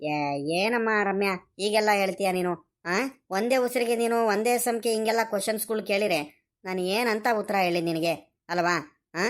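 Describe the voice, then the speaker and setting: A woman voicing a poor, dutiful young male farm boy in a village cartoon, explaining things softly and pleadingly in a rural Karnataka Kannada accent. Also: mid-range voice, steady tone, normal speed, lightly acted. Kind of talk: animated cartoon voice acting.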